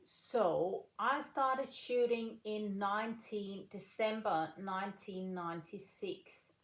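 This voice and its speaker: A woman in her late thirties from Denmark answers questions at a slow, careful pace. Her voice sits at an ordinary middle pitch, and the room around her sounds noticeably echoey. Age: 30s. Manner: slow, measured, pausing between phrases. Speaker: guest, former rifle shooter. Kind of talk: casual interview answers.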